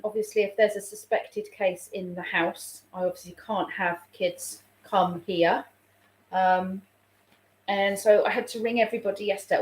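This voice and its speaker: Speaking into her phone in an echoey room at home, a woman from England with a fairly low, slightly mellow voice chats on a live stream. She works as a childminder, reads viewer comments aloud, and sounds a little snuffly, like a sore throat is starting.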